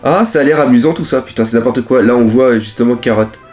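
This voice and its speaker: Man, live comic reaction, excitable, swears a lot, faint background music. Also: medium pitch, fast talker. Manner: excitable, exclaiming and swearing often. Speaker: manga reaction host. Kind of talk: live reaction, reading a comic chapter aloud.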